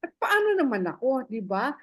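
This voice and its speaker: A woman in a casual Bible study discussion, talking in a halting way with many fillers as she searches for names, mixing in English phrases. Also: high voice, very animated, no room sound. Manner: mixes Tagalog with English phrases. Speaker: Bible study group member.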